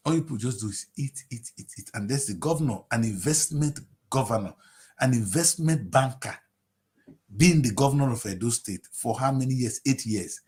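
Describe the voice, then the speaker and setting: This TV political commentator is a man in his late fifties from Delta State, Nigeria, with a Nigerian accent. His impassioned delivery is expressive and moderately paced, full of rhetorical questions, alternating between shouts and quiet mutters.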